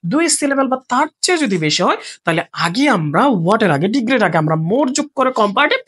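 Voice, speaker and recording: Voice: mid-range voice, very animated, a little fast, a bit bright, husky. A teacher from Bangladesh, giving an exam-prep grammar lesson and constantly asking questions that he then answers himself.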